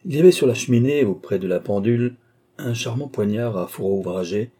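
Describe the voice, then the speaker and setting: A man narrating a classic novel in a measured audiobook reading. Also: mid-range voice, lively intonation, mellow. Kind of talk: scripted narration.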